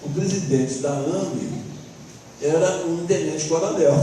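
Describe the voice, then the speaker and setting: A man's voice: medium pitch, warm tone, a little hiss or hum. A middle-aged man with a Brazilian Portuguese accent gives a spiritist lecture in a folksy way, often ending with tag questions. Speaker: spiritist speaker. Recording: roomy, distant hall recording.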